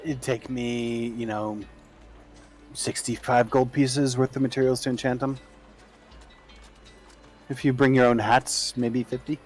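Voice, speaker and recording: Game master, male. Halting, improvised shopkeeper talk, middle register, light music underneath. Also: medium pitch, flat delivery, a little mellow. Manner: hesitant, halting. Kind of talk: improvised tabletop game narration and shopkeeper role-play.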